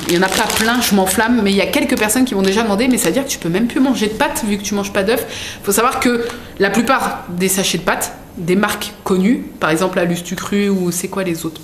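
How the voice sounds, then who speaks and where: A woman vlogging an unboxing in a casual, rambling way, full of fillers and self-corrections. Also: medium pitch. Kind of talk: casual chatty product unboxing. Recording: echoey room with faint background noise.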